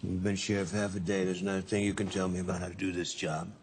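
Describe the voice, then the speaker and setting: Gruff, husky older lawman. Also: deep voice, little pitch movement, quick pace. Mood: gruff, indignant. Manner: gruff, blunt. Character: gruff seasoned veteran male lawman. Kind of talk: screen drama acting.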